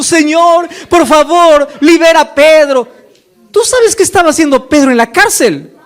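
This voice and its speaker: A male pastor preaching a sermon, acting out dialogue and asking the congregation rhetorical questions. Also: very high voice.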